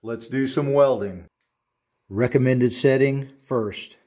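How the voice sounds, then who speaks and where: A man in his thirties giving a step-by-step welding tutorial in a home auto shop, speaking in a slow, deliberate, instructive way. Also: mid-range voice, noisy background.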